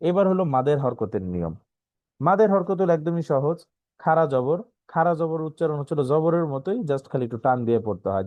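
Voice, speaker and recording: A man with a Bangladeshi Bengali accent teaches Quran reading in an online lesson, his voice pitched a little high and recorded dry and close. He spells out each letter and vowel sign slowly. He checks in with his students again and again. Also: darkish tone, no room sound. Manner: explains slowly, often asks "right?", spells letters out.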